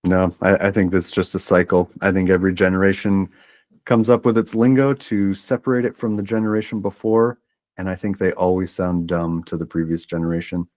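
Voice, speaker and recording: A man, probably in his thirties, co-hosting a podcast, chatting in a relaxed, wry and reflective way. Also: low voice, fairly quick. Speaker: podcast co-host. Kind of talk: casual chat.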